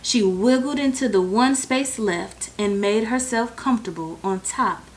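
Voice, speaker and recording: This is a bedtime story for children, read aloud by a woman with a fairly high pitch whose expressive, deliberate delivery is pitched at young listeners.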